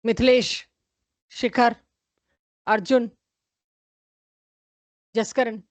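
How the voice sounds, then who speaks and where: A woman with a high voice teaches a chemistry class online, quizzing students by name and correcting them firmly. The sound is close and dry, with no room around it. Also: steady tone, drawn-out words, no room sound.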